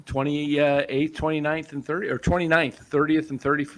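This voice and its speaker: A man's voice: fairly high pitch, flat delivery, normal speed. A man around sixty, co-hosting a casual chat in an easygoing, agreeable way over a video call. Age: 60s. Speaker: co-host.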